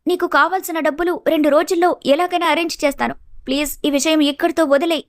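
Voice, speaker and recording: A woman's voice: high-pitched, fairly even intonation, fast talker, voice pushed up. A woman doing a pleading, frightened young woman. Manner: pleading, hushed. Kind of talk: animated storybook voice acting.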